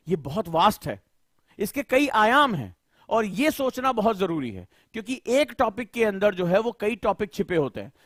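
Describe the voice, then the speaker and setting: A man's voice: high voice, no echo, clean studio sound. A male coaching teacher lecturing students, firing rhetorical questions and scolding them.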